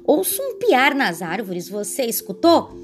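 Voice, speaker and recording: A woman's voice: a little high, wildly swooping pitch. A woman voicing a big, hungry storybook monster who is easily astonished. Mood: amazed. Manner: astonished, slow and wondering.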